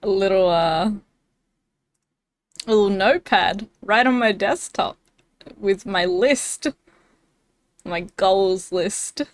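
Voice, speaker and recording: A woman's voice: medium pitch, slow pace, pauses often. A young woman streaming live, chatting casually and giggling often, with lots of fillers. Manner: bubbly and giggly, many fillers.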